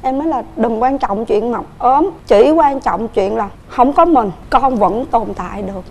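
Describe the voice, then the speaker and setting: A Southern Vietnamese woman sits as a guest in a TV studio and pours out her family story. She talks quickly and earnestly, in a voice a bit higher than most and soft and mellow in tone. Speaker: guest on a couples show. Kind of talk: emotional personal storytelling.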